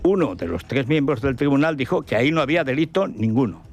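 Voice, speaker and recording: A radio host with a Spain Spanish accent delivers a combative, scornful monologue, firing off rhetorical questions. His voice is gravelly and his pitch swings widely. Faint music plays in the background. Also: lively intonation, fast talker. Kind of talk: opinion monologue.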